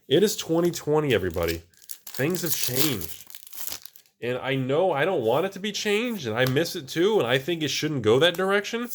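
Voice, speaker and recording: A man talking casually to his viewers, his pitch swinging up and down as he gets excited. He rambles and restarts his sentences. There is a faint hiss of noise in the background. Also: moderate pace. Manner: animated and exclaiming, rambling with restarts. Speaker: channel host. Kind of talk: casual commentary while opening card packs.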